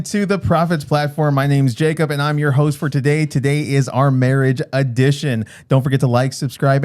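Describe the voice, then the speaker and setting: A man's voice: medium pitch, a little mellow, a little hiss or hum. A man hosting a casual podcast, upbeat and friendly as he welcomes guests. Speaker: podcast host.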